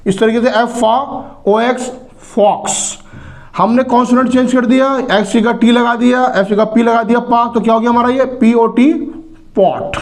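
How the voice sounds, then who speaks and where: A man teaching phonics in a classroom-style lesson, speaking, slowly spelling out letters and sounds and asking rhetorical questions. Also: very high voice, fairly even intonation, creaky, a little mellow. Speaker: English teacher.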